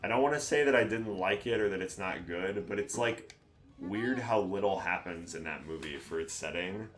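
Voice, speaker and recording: A man's voice: sits low, moderate pace, fairly bright tone, soft background music. A young man chatting casually and rambling while playing a game, tired and yawning. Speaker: co-host. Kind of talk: casual let's-play chat.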